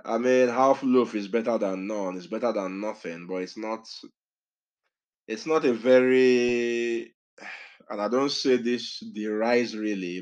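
Low-voiced man teaching the Bible. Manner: conversational, self-correcting, digressive.

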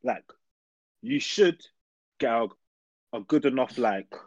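Husky young london guy, roadman slang, repeats himself, slightly muffled dry recording. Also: mid-range voice, lively intonation, takes it slowly, dry recording. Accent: London, urban street slang. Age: young adult. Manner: slangy, repeats phrases insistently. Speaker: podcast co-host. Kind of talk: casual banter.

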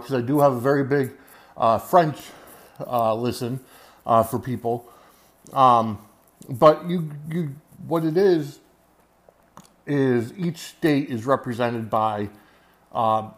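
An American man hosting a podcast, talking unscripted on his own in a rambling, halting way, often searching for his words. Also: mid-range voice. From United States. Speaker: podcast host. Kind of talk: unscripted solo podcast monologue.

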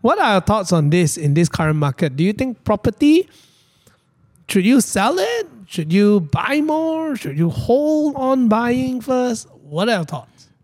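Man, Malaysian accent, slightly high pitch, colloquial Malaysian English, casual co-host chat. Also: sing-song, unhurried, darkish tone. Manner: colloquial Malaysian English with lah and lor particles. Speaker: co-host reading audience questions.

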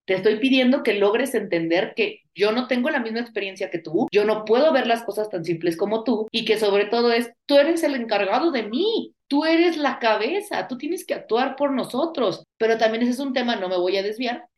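A woman's voice: on the high side, normal speed, few pauses. A woman with a Mexican Spanish accent, co-hosting a casual podcast and offering reflective advice. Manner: reflective, advising tone. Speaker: podcast co-host.

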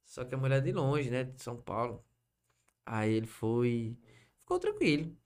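A man's voice: mid-range voice, normal speed. A young man with a Brazilian Portuguese accent, a podcast guest telling a long story in casual chat, rambling and tagging his phrases with little asides. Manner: rambling and lively, tags phrases with "né?" and "pô".

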